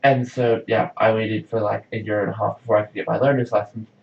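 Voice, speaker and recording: A young South African man rambles chattily in a video diary, saying "like" constantly, his voice on the low side with little pitch movement, a quick pace, and vocal fry. A camera mic picks him up from a distance, giving a roomy, dull lo-fi sound with slight background noise.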